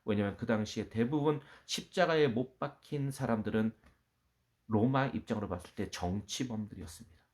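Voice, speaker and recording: A man preaching a Sunday sermon as pastor, dropping to near whispers and then rising to loud, ringing declarations. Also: lowish voice, brisk. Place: church.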